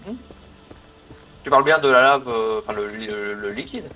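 A man's voice: medium pitch, moderate pace, pushed and bright, poor audio. Hesitant man casually explaining a game. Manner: hesitant, self-correcting. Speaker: voice chat participant.

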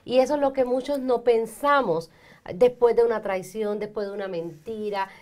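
A woman with a somewhat high voice hosts a talk show from a studio armchair. She affirms what her guest says and adds her own supportive points. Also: normal speed, darkish tone. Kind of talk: advice talk show conversation.

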